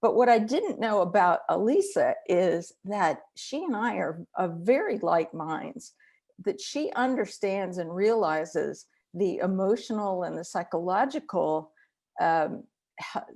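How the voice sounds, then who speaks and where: A woman's voice: medium pitch, animated, unhurried, a little mellow. A middle-aged woman, a psychologist, hosting an online interview, asking questions with enthusiasm on a video call.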